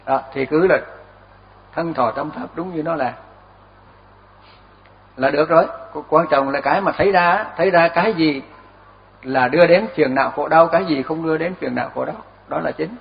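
Older monk giving a chuckling dharma talk. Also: male voice, on the high side, normal speed, creaky, long pauses, a little hiss or hum. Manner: relaxed storytelling with chuckles and repeated words. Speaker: Buddhist monk teacher. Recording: dull lo-fi recording.

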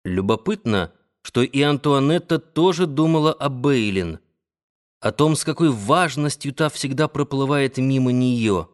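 Guy reading a literary audiobook, mid-pitched voice, calm and measured. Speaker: audiobook narrator.

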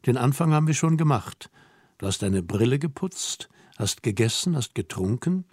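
A man reading an audiobook voices a young woman who teases and orders her companion about, asking brisk, mocking questions. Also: medium pitch, lively intonation, darkish tone, slightly rough, dry recording, studio quality. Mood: teasing. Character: young woman, teasing, bossy and self-assured. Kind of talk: audiobook dialogue.

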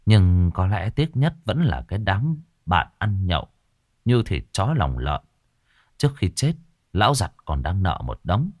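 A man narrating a ghost story in a folksy, animated storytelling manner. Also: sits low, unhurried, no room sound, studio quality.

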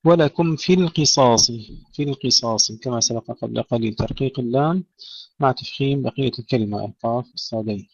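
A man teaching tajweed, reciting verses slowly and then explaining the rules plainly to his listeners. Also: mid-range voice, no room sound. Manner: addresses listeners as brothers. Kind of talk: tajweed lesson with recited examples. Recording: dry, dull lo-fi recording.

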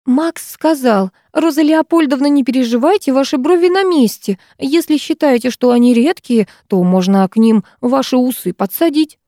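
A panicky, weepy middle-aged nanny, as a woman reader puts her on, crying out in a shrill, high voice. The tone is mellow despite the panic, and the sound is dry and close. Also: normal speed, hardly any pauses, no echo, natural voice. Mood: tearful. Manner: shrill wailing exclamations. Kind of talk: audiobook character voice.

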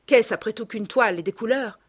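A woman reads an earnest male painter in a storybook reading, loud and emphatic. Her tone is breathy and husky. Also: a little high, a little fast. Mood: urgent. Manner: emphatic, urgent exclamations. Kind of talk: audiobook reading.

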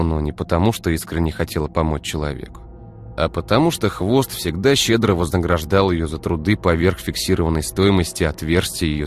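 A man reading a dark audiobook in an even, unhurried narrating voice. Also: sits low. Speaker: audiobook reader.

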